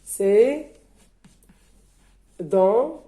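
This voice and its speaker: A woman's voice: medium pitch, lively intonation, extremely slow, warm tone, soft background music. A woman teacher giving a reading lesson, spelling out letters one by one and repeating each sound. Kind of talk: slow syllable-by-syllable reading lesson.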